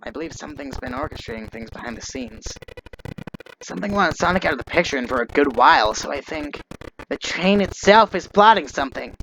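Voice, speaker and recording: An earnest young fox detective who reasons things through aloud, as a man puts him on. His pitch moves with lively swings. It is read aloud during a game playthrough. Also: brisk, creaky, slight background noise, poor audio. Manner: earnest and analytical.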